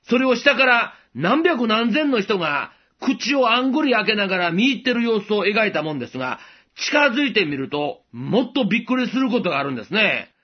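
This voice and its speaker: Male radio preacher, high and lively pitch, earnest and measured delivery, dull lo-fi sound. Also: breathy edge. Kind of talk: short radio devotional message.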